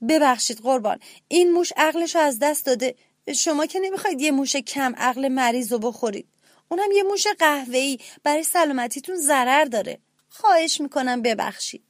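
A jittery servant mouse who bows and begs forgiveness at every turn, voiced by a woman storyteller. The voice sits high and anxious in a dry, close recording. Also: animated, no echo. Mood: pleading nervous. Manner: pleading, nervous. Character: timid fawning servant mouse.

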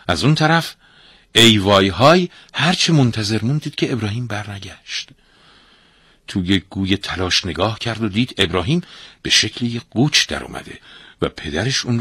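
A man narrating a folktale with an animated, expressive delivery. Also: lowish voice, husky, no room sound, studio quality. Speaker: storyteller.

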